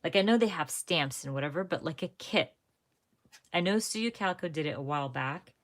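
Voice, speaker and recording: A woman's voice: low-pitched, lively intonation, fairly quick. A young woman hosting a live crafting stream, chatting casually and rambling to her viewers, often correcting herself mid-sentence. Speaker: crafting livestream host.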